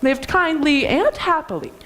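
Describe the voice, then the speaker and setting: Animated woman telling a folktale. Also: high voice, unhurried, a little hiss or hum. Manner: expressive, animated. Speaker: student storyteller. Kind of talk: storytelling performance.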